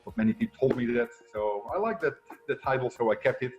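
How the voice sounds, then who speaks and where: Being interviewed as a guest, this upbeat middle-aged success coach and entrepreneur from the Netherlands talks conversationally with a Dutch accent. He speaks fast and animatedly in a mid-range voice; the highs are cut off and faint music sits underneath.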